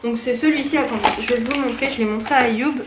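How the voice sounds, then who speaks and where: Chatty young French woman, high voice. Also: steady tone, fast, echoey room, noisy background. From France. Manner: chatty, many fillers and restarts. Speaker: vlogger. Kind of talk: casual haul vlog chat.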